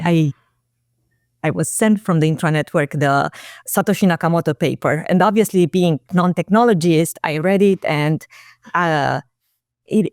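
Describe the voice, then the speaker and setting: A woman in her forties with a lowish voice, recalling her career as a guest in a casual interview. She speaks reflectively, hesitating with fillers and restarts. The recording is dry and close. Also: a little mellow, no echo. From Romania. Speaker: guest, marketing executive.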